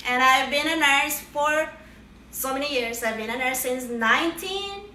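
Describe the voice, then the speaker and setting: A woman's voice: sits high, measured pace, sharp tone, recorded from a distance, slight background noise. A middle-aged woman chatting playfully as she cooks at home, narrating each step with cheery exclamations. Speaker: home cook. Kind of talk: casual cooking vlog narration. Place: home kitchen. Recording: echoey room, voice from afar.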